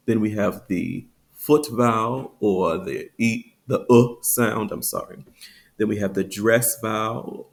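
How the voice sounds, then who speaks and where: Low gravelly man teaching phonetics. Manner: explains with fillers, stretches out example words slowly. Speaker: accent teacher. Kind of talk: phonetics lesson.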